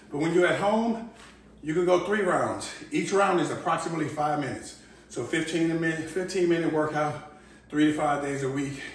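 A middle-aged man coaching a workout like an aerobics instructor, giving short, motivating, repeated cues and countdowns. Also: on the high side. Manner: motivating, repetitive commands while exercising. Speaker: fitness instructor. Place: indoors, hard-floored living room at home. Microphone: camera several meters away. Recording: very echoey room, distant mic, faint noise.

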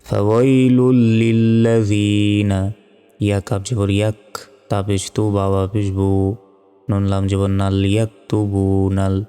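Faint music and long reverb surround a low, flat, smooth male voice in a Quran reading lesson. At a very slow, deliberate pace he spells the Arabic letter by letter, syllable by syllable, then recites it in a slow, drawn-out melodic chant.

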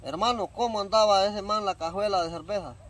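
A man's voice: sits high, a little fast, fairly bright tone. A man in his forties with a Central American Spanish accent, chatting casually and colloquially outdoors, repeating his phrases for emphasis. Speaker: interviewee, rural cassava seller. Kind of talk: casual chat. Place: outdoors in a dirt yard by a fence. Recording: noisy outdoor rural ambience.

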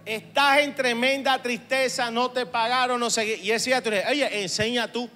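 A man pastor preaches to leaders, trading joking asides for shouted exhortations. His voice sits very high and sounds bright and forceful. The hall rings with long reverb over faint music. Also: fairly even intonation, moderate pace, a little hiss or hum. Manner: humorous, swings from chatty asides to shouted exhortation. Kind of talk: sermon to church leaders.

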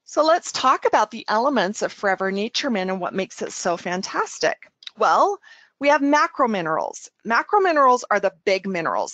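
A woman giving an enthusiastic product presentation, talking with a smile and sometimes getting tongue-tied from excitement. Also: a little high, no room sound. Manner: smiling as she talks.

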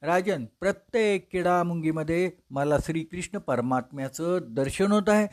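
A man voicing a calm, wise ascetic who explains to a king in a measured, instructive way. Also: a little high, close to an everyday voice. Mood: firm.

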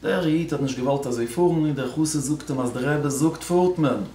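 A man, a rabbi, telling a religious story in a speech at a celebration, moving between loud stressed words and hushed low passages. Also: moderate pace, echoey room, slight background noise.

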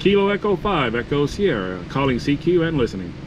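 A man's voice: fairly high pitch, fairly quick, muffled recording. A courteous man working as an amateur radio operator, calling and repeating phonetic call signs outdoors. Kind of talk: radio contest-style calling, phonetic spelling. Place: outdoors at a campsite table. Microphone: camera on the table beside the radio. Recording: clear steady outdoor background noise.

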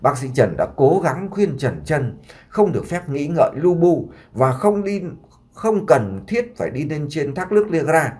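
A man's voice: fairly high pitch, sing-song, normal speed, darkish tone. A man telling a dramatic story with emotion and addressing his listeners directly.

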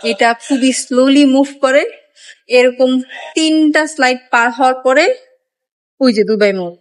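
A woman's voice: high voice, normal speed. Chatty young woman vlogging on a walkway. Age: young adult. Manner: chatty, wry, self-mocking about being lazy. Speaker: travel vlogger. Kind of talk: casual travel vlog. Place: indoor glass skywalk with moving walkways. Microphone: phone at arm's length.

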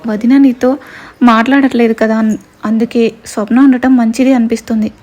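A woman voicing an affectionate younger brother who teases in a lively, fake-annoyed way. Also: on the high side, fairly quick, lo-fi sound, natural voice. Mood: earnest.

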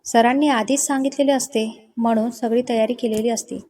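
A woman's voice: a little high, steady tone, fairly quick, dark tone. A woman narrating a romantic story and reading every character's lines in her own voice. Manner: reads all parts in her own voice, dialogue barely changed.

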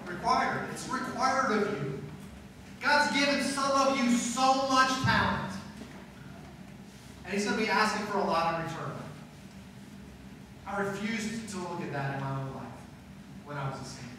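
On a school auditorium stage, a middle-aged pastor preaches a chapel sermon to students, talking conversationally and repeating phrases for emphasis. His high, sharp voice is unhurried with frequent pauses, caught by a far camera in an echoey hall with slight background noise.

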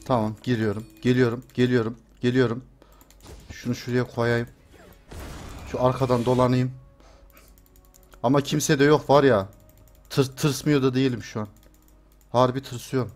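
A man's voice: medium pitch, steady tone, normal speed, pauses often, a little mellow, soft background music. A young man streaming a video game, muttering and cursing to himself, then shrieking in panic when chased. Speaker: gameplay streamer. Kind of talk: live game commentary.

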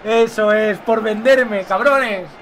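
A young man from giving excitable live commentary while playing a football video game, chatting with viewers. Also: high-pitched, takes it slowly. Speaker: gaming streamer.

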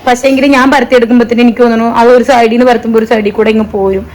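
A woman's voice: a little high, little pitch movement, very fast, a little mellow. A young woman chatting casually through a home cooking vlog in her kitchen, rambling and laughing often, recorded on a phone. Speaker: vlogger. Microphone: phone camera.

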